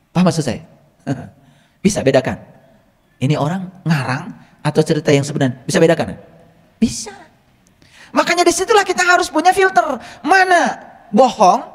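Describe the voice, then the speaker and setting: A man's voice: extremely high pitch, a bit bright. A male religious teacher gives a teaching lecture, teasing his listeners with rhetorical questions. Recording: long reverb from a hall.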